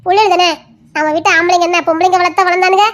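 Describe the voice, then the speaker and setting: Very high-pitched woman voicing a family drama. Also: fairly even intonation, very fast, fairly bright tone. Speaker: storyteller voicing every character. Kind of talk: scripted Tamil family audio drama.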